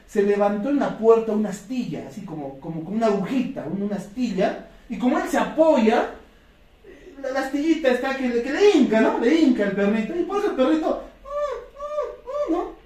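A man's voice: very high-pitched, animated, brisk, mellow. A man giving a motivational talk to a sales team, telling stories and acting out quoted voices. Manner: storytelling, acts out quoted voices. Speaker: motivational speaker for a sales business. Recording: echoey room, distant mic.

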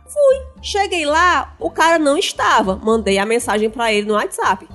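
High-voiced woman telling an anecdote. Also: moderate pace, soft background music. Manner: storytelling, animated. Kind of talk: casual group chat.

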